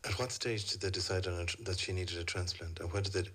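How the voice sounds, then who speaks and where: A man's voice: low-pitched, fairly even intonation, fast talker, a bit bright, slightly rough. A man with a west of Ireland accent, working as a radio interviewer, putting short prompts and echoes into a conversation.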